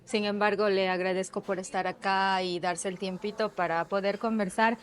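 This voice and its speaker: A woman's voice: medium pitch, level tone, normal speed, a little hiss or hum. A woman hosting a casual podcast interview in a café, chatty and friendly. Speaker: podcast host. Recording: faint café ambience.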